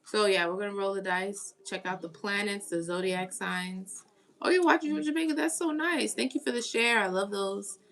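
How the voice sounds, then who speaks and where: A woman's voice: mid-range voice, moderate pace, a bit bright. A woman from the United States hosting a tarot live stream, chatting casually and greeting viewers as she reads their comments. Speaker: tarot reader.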